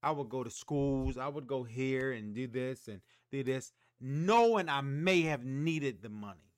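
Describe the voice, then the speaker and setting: An emphatic man delivers a motivational monologue in a preacher's manner and asks listeners to repeat after him. His voice sits at an average pitch for a man. The sound is dry and close, with no room echo. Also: expressive, unhurried, clean tone. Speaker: motivational podcast host.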